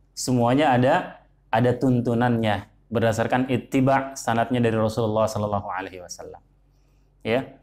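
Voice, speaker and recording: Man, religious teacher, measured explanatory lesson, repeats words, mid-pitched. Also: a little mellow. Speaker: Quran recitation teacher.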